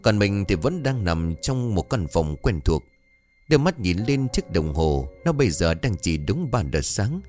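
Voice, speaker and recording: A man narrating a horror story in an expressive, dramatic storytelling manner. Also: lowish voice, a little slow, soft background music.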